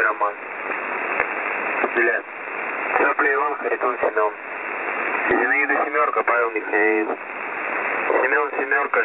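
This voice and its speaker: Man over a tinny radio, heavy static. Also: mid-range voice. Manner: methodical, repeats the same sequence. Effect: heard over a two-way radio. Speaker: radio operator. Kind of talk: reading out a code with a spelling alphabet.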